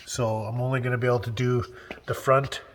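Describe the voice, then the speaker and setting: A man's voice: medium pitch, in a large hall, a little hiss or hum. A man with a stuffed-up nose, casually narrating a home-building vlog in an upbeat, chatty way. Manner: upbeat and chatty, laughs often. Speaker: vlog host. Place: workshop house under renovation, indoors.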